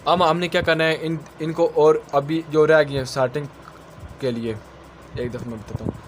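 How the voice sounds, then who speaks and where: A man's voice: a little high, steady tone, moderate pace, soft background music. Man tutoring, quizzing himself aloud. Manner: teaches by asking and answering his own questions; mixes technical English terms into his speech. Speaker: exam-prep tutor. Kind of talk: quick exam-revision lecture.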